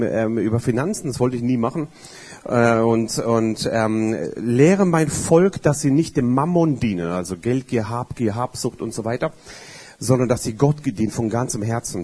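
A middle-aged man preaching a sermon with emphasis, repeating key phrases and swinging between loud and quiet. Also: medium pitch, husky.

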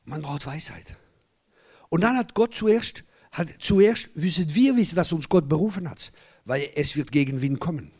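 A middle-aged man preaching a sermon as a pastor, hammering home repeated phrases and swinging between loud bursts and low, hushed asides. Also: expressive, normal speed, slightly rough. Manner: repeats key phrases for emphasis.

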